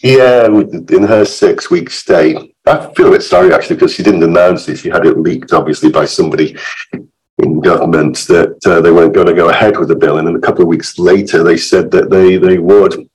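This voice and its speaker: Low-pitched croaky man, hoarse with illness, chatty legal expert, wry asides, informal podcast explanation. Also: steady tone, brisk, a little mellow, low-quality recording.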